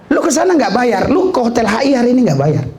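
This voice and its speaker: Male preacher, high voice, animated shouting sermon, frequent hallelujahs, echoey room. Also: fast talker, crowd noise. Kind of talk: lively sermon.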